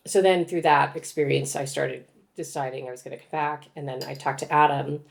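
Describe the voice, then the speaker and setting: A woman's voice: low-pitched, steady tone, a little fast, creaky. A woman in her forties, a guest author, telling her story in reflective, casual conversation with frequent laughs.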